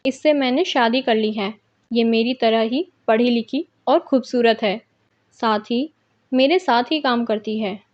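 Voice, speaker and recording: A woman's voice: a little high, unhurried, lightly acted. A woman voicing a grown man who begs his wife to stay, read plainly in her own storytelling voice. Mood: boastful. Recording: dull lo-fi recording.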